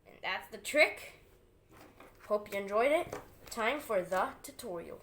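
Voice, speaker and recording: A woman's medium-pitched, slightly bright voice is expressive and a little slow, with slight background noise. An amateur card magician, she gives informal patter, walking through each move step by step as she demonstrates and teaches a trick.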